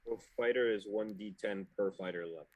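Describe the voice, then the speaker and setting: A man's voice: lowish voice, brisk, a little mellow, dull audio. A man playing a tabletop role-playing game, chatting casually and acting out bits in character.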